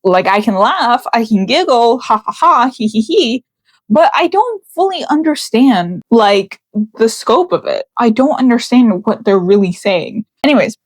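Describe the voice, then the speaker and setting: A young Canadian woman whose first language is Russian hosts a book channel, chatting casually to camera. Her voice is on the high side with no echo, and she is self-deprecating, using many fillers and repeats.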